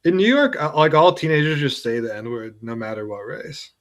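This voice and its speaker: A man's voice: medium pitch, animated, moderate pace. A young man chatting casually and a little hesitantly, peppering his sentences with "like". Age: young adult. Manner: hesitant, heavy use of "like". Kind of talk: casual chat.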